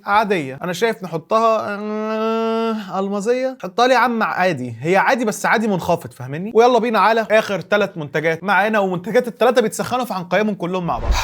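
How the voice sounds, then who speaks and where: This is a man with an Egyptian Arabic accent hosting a casual food review vlog. His voice sits high and his words tumble out at a breakneck pace. He exclaims and thinks aloud as he tastes. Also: a bit bright. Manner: chatty, exclaiming, thinking aloud while tasting.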